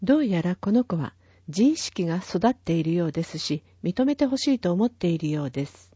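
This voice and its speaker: A woman's voice: fairly low pitch, lively intonation, a little fast, mellow, husky, no echo. A woman reading a town newsletter aloud, carefully and evenly, spelling out numbers and addresses digit by digit. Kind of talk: slow, careful read-aloud of a printed bulletin. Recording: dull, lo-fi and dry.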